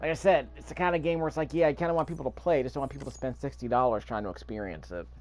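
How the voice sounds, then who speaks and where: A man rattles off rapid-fire let's play commentary in a medium-pitched, darkish voice, muttering offhandedly to himself as he plays. Game sound and ambience sit under his voice, along with soft background music.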